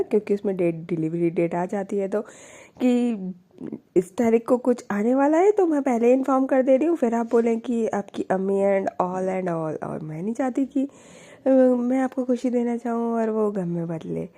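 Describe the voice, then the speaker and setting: A woman telling a love story in a casual, chatty way, adding her own lively asides. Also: fairly high pitch, moderate pace.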